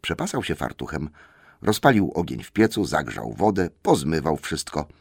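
A man narrating an audiobook in a measured storytelling manner. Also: rumbling low, very animated, vocal fry, slightly rough, no room sound, studio quality.

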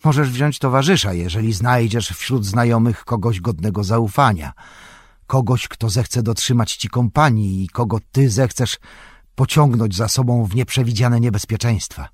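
A man voicing a stern old male wizard, speaking gravely and measured. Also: mid-range voice, dry recording, clean studio sound, pitched above the performer's own voice, lightly acted.

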